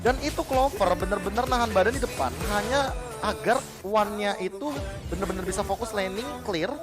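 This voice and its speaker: A man with an Indonesian accent giving excited play-by-play commentary on an esports match in long, run-on calls. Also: sits high, fairly quick. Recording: music behind the voice.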